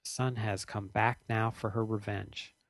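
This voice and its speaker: A man's voice: on the low side, level tone, measured pace, no echo. A man co-hosting a podcast, casually recapping a TV episode at length and correcting himself as he goes. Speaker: podcast co-host.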